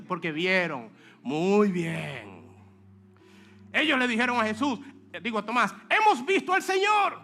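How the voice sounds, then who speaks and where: A male pastor preaches a sermon with animation, tossing joking asides to the congregation and acting out the speech he quotes. His voice is high-pitched.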